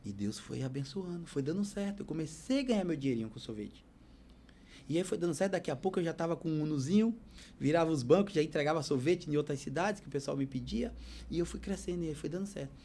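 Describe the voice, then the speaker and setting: A man's voice: on the high side, expressive, quick pace, mellow, a little hiss or hum. A man, a podcast guest telling his life story as a heartfelt, preacherly testimony. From Bahia, Brazil.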